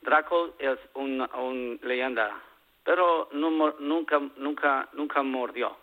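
Man putting on a halting foreign footballer, phone line. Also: medium pitch, natural voice. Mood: earnest, naive. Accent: foreign, put-on Romanian. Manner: halting, stammering, broken Spanish. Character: shy young Romanian footballer in love, halting Spanish. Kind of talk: prank phone interview. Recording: muffled lo-fi radio phone line.

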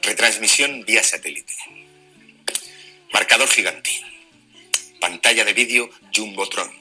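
A man telling a stand-up comedy story, animated, with deadpan asides. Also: fairly low pitch, measured pace, slightly rough, soft background music, low-quality recording.

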